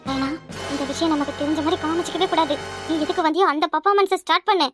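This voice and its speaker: A woman voicing a scheming woman relative in a cartoon, speaking with a Kanyakumari Tamil accent in a slow, gloating manner. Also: high-pitched, music in the background, close to an everyday voice. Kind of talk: cartoon voice acting.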